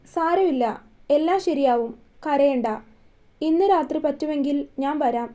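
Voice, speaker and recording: A tender young man in a spoken romance story, as a woman reads him, gentle and soothing. The voice stays high and soft, with a mellow tone. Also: a little slow. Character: tender young man comforting his fiancée.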